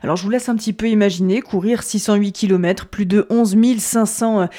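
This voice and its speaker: A woman hosting a TV interview, asking questions in a measured way with occasional fillers. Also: medium pitch, fairly even intonation, dark tone. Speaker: interviewer, TV host. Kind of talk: interview questions, scripted introduction.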